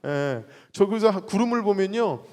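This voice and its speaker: Man, worship leader, high lively voice, playful sermon, church hall reverb. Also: moderate pace. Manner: animated, playful, exclaims and acts out quotes. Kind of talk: lively sermon with audience call-and-response. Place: church sanctuary.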